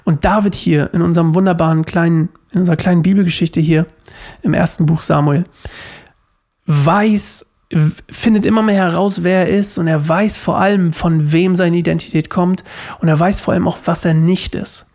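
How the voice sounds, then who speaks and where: In a living room, a man who is a podcast host and worship leader gives an earnest devotional talk on faith, repeating key phrases for emphasis and often restarting sentences. His fairly high voice is steady, creaky and darkish at a normal speed.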